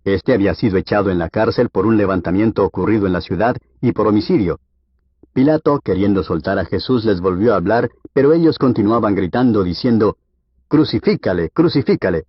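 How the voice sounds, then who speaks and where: Low husky guy reading the bible aloud, steady pace, dull dry lo-fi sound. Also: brisk, dry recording. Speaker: Bible reader. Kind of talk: scripture audiobook reading.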